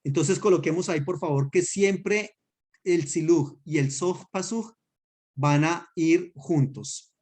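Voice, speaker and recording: Patient pastor teaching a class. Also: male voice, on the high side, a little mellow. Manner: patient, explains slowly with spoken examples and checks understanding. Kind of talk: teaching a class on Hebrew accents.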